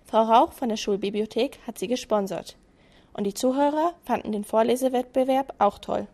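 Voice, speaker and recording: Upbeat woman announcing, higher voice. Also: moderate pace, darkish tone. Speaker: school radio presenter. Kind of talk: scripted radio narration.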